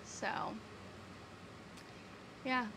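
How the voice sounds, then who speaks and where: A woman's voice: drawn-out words, noisy background. A young woman vlogging casually about her new camper, rambling, self-mocking and swearing off-handedly. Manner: chatty, self-deprecating, swears casually, laughs often. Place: camper trailer and outdoor land.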